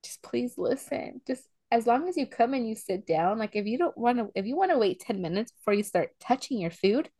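Animated young woman telling stories. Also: on the high side, a little fast, hardly any pauses, no room sound, clean studio sound. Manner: animated storyteller, acts out scenes. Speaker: podcast co-host. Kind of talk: casual chat.

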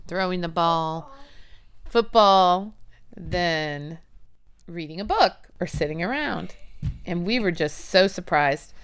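Woman, 40s, heartfelt personal storyteller; lowish, smooth voice, dry close sound. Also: no echo. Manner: earnest, emotional, acts out quoted voices. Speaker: interviewee, mother.

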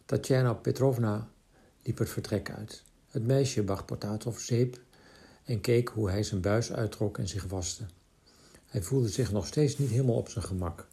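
A man reading a literary short story aloud in a calm, measured narration. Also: fairly low pitch, creaky.

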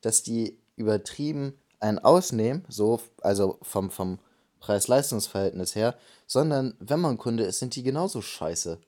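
A man's voice: fairly low pitch, expressive, normal speed, darkish tone. A man co-hosting a podcast, chatting loosely and ranting with many fillers. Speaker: podcast co-host. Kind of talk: casual chat.

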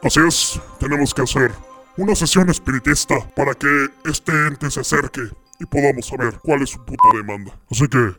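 A man with an ordinary middle-pitched voice talks in a dry, deadpan way, posing as an expert on spirits for a comedy podcast. Faint music plays behind him. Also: fairly quick. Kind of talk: mock-serious explanation.

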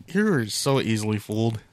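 A man's voice: lowish voice, no room sound. A man co-hosting a comedy podcast in casual chat, exasperated and confused, throwing dry quips. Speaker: podcast co-host.

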